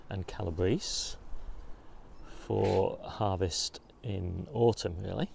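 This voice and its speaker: A man's voice: low-pitched, gravelly, slight background noise. A man casually walking through his back garden, explaining his beds and plants as he films. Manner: relaxed, informative, pointing things out as he walks. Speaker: gardening channel host. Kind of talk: casual garden tour walkthrough. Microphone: handheld phone camera.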